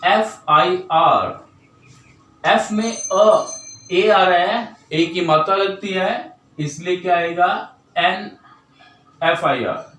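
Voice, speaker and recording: A man's voice: high voice, fairly bright tone, roomy sound, distant mic, rough recording. A man with an Indian accent teaching an English grammar lesson, explaining step by step and answering his own questions. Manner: drawls example words slowly.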